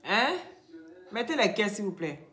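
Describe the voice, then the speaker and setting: A woman's voice: mid-range voice, very animated, measured pace, background noise. A woman giving emphatic live-stream commentary, scolding her viewers and often asking them "hein?".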